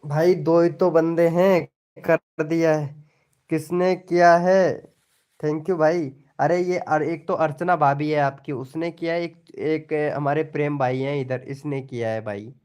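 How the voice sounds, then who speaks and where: A man chatting casually with viewers on a live stream, slowly reading out their names and IDs. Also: a little high, steady tone, darkish tone, smooth.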